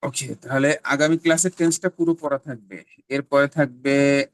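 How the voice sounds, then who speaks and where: A middle-aged Bangladeshi man teaching spoken English in an online class, giving slow, drawn-out English examples between explanations. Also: mid-range voice, fairly even intonation, no echo.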